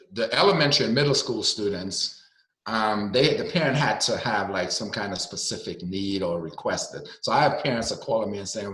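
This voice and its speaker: Man, advocate, video conference call audio, lowish bright voice, echoey room. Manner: earnest, explanatory, with many fillers. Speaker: special education advocate. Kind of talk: explaining guidance on a call.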